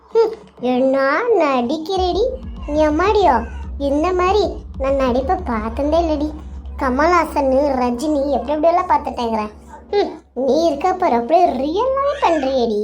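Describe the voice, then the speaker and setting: A woman's voice: high voice, expressive, moderate pace, darkish tone. A woman voicing a cruel mother-in-law who mocks and jeers with sarcasm. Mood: mocking. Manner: mocking, sarcastic.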